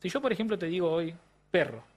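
A man's voice: fairly high pitch, expressive, normal speed. Argentine man explaining like a teacher. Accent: Argentine Spanish. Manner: didactic, often checks in with "¿no?"; frequent restarts and hesitations. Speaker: language neuroscientist guest. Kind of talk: explanatory interview answers.

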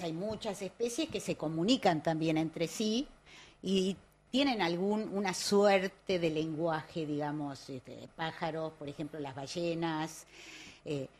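A woman interviewer with a fairly low voice asks long, searching questions, pausing on fillers as she builds them. Faint noise sits behind her voice. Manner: thoughtful, searching phrasing with fillers.

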